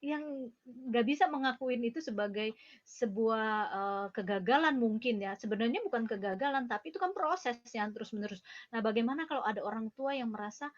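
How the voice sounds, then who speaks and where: A woman's voice: a little high, a little fast. Hesitant woman host, dull sound. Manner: hesitant, many "eh" fillers. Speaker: interview host. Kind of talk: hosting an interview.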